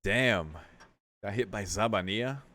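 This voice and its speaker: For a let's play, a man with a fairly low, bright, forceful voice reads visual novel text aloud at a slow pace. He drifts between that narration and casual, sweary asides, muttering his reactions in a mix of gaming commentary and read-aloud.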